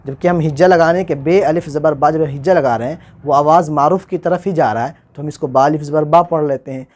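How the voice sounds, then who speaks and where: A man hosts his own channel and gives an informal lesson. His voice sits somewhat high. He works through the material patiently, repeating himself and spelling out sounds slowly. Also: fairly even intonation, a little mellow. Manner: explains step by step, repeating and spelling out letters slowly. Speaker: teacher and channel host.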